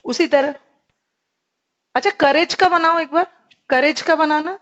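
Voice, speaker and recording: A woman's voice: high voice, measured pace, fairly bright tone, highs cut off. A woman with an Indian English accent teaching a live online grammar class, explaining in Hindi mixed with English and asking her students questions.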